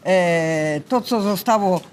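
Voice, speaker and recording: A woman's voice: lowish voice, slow pace. An old woman in her seventies speaking in a casual interview, polite but insistent, with a folksy manner. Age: 70s. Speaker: interviewee, retired grandmother.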